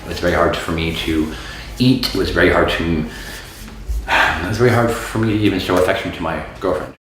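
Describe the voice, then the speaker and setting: A man in his thirties from Florida speaks in a low voice, casual and frank, with plenty of um's and uh's. He is a dental patient giving a testimonial to camera. The sound is very echoey, with a faint hiss of noise behind him. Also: normal speed. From Florida, USA. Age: 30s. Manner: relaxed, frank, many fillers and um's.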